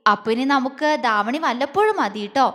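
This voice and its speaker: A woman voicing a doting older man who speaks softly and coaxingly to his young wife, with a long reverb on the voice. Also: high voice, big pitch swings, fairly quick. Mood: tender. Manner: soft, coaxing, affectionate.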